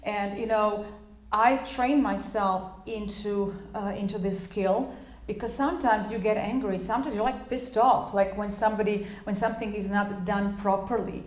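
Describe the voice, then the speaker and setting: This informal spoken lesson comes from an English teacher whose first language is Croatian; she talks loosely and conversationally, restarting sentences and using plenty of fillers. Her mid-range voice holds a steady tone at normal speed, with a clear room echo around it.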